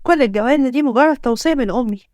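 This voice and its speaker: A woman voicing a tearful, defiant young female university student with an Egyptian accent and a pleading, high-strung manner. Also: rapid-fire, darkish tone, dry recording, clean studio sound, natural voice. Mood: upset. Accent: Egyptian Arabic.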